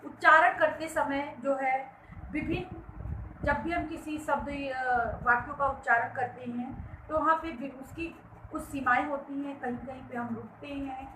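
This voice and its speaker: A woman's voice: high voice, steady tone, measured pace. A woman teaching a Hindi grammar lesson to schoolchildren, patient and repeating key phrases as she explains. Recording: echoey room with faint background hiss.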